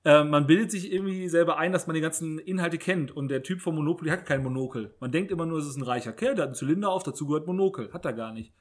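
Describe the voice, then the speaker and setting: A man's voice: fairly high pitch, rapid-fire, hardly any pauses. A man hosting a casual podcast chat who often restarts and repeats words.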